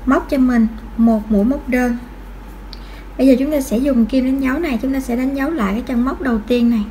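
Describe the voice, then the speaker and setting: High-voiced woman teaching crochet. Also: brisk, warm tone, a little hiss or hum. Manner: patient, counts stitches aloud, frequent fillers. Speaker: crochet tutorial host. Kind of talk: step-by-step crochet instruction.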